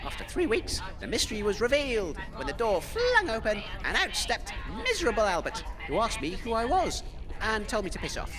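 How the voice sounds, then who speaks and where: A crowd can be heard behind a man voicing a boastful British wasteland radio DJ in a comedy audio drama. His high-pitched delivery is a little fast with huge pitch swings, pompous and self-important but hesitant and flustered whenever challenged.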